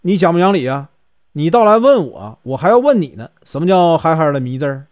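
A man's voice: fairly high pitch, very animated, a little fast, a little mellow, dry recording. A man voicing Jigong, a sly teasing monk. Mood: mock indignant. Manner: mocking, playful back-and-forth. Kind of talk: storytelling.

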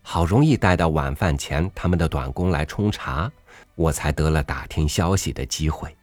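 A man narrating a literary story in a measured, reflective reading. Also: extremely low pitch, animated, dry recording, soft background music.

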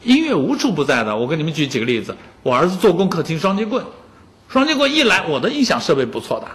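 A man's voice: on the high side, wildly swooping pitch, fast talker, fairly bright tone. A man in his fifties giving a public lecture on music, telling anecdotes and joking with the audience.

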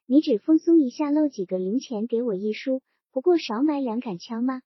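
A woman reading the lines of a gentle, wry old male scholar in a mild, teasing tone. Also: sits high, lively intonation, moderate pace, husky, no echo. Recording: dull, dry audiobook recording.

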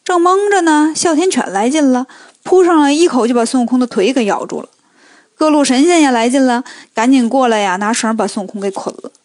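A woman storyteller narrating a children's tale with lively, colloquial joking asides. Her voice is high. The recording is dry and close, with no room echo. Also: brisk.

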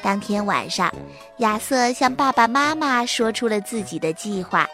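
Expressive woman reading a children's story. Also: fairly high pitch, normal speed, faint music behind. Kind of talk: children's audiobook narration.

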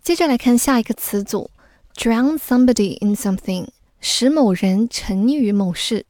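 A woman gives a careful, scripted vocabulary lesson, going over each word clearly. Her voice sits a little high, with a mellow, warm tone. It is recorded close up in a dry, dead room. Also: no echo. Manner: explains words slowly and clearly, mixing in English. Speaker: English teacher.

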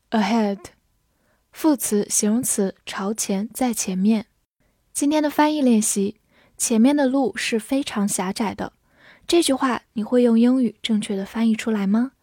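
A woman with a fairly high voice leads a scripted vocabulary lesson. She spells each word letter by letter and reads the example sentences slowly so learners can repeat them. The sound is dry and close, with almost no room echo. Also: warm tone. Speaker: English vocabulary teacher.

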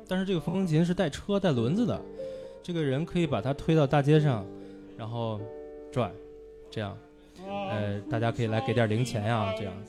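A man co-hosting a livestream about classical music, explaining patiently with frequent hesitations. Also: medium pitch.

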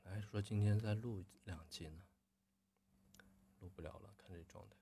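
A man working as a voice coach, critiquing students' readings on a live stream in a relaxed corrective tone and often clearing his throat. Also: fairly low pitch, moderate pace, a little hiss or hum.

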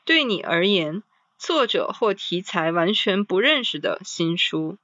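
A woman in a casual podcast chat about books, reading list items slowly and then commenting with sighing interjections. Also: fairly low pitch, very animated, pushed and bright, dry recording, dull audio.

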